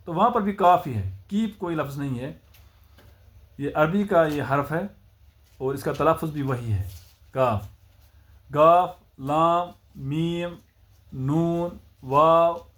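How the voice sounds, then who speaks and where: A man with a Kashmiri accent teaching the Urdu alphabet, patiently sounding out each letter and explaining its pronunciation. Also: on the high side. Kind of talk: spoken alphabet lesson.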